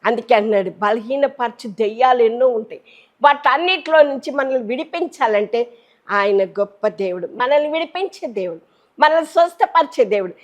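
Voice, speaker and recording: A woman's voice: a little high, expressive, normal speed. Fervent woman preacher. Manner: impassioned preaching, swinging between ringing exclamations and hushed pleading; repeats phrases for emphasis. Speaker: bishop preaching on television. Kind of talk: sermon.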